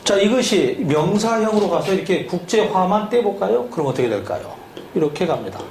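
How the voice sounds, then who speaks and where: A man's voice: sits high, very animated, a little fast, creaky, a little mellow. A man teaching a lesson, drilling spelling syllable by syllable and asking the listener questions as he goes. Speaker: English teacher. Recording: echoey room with faint hum.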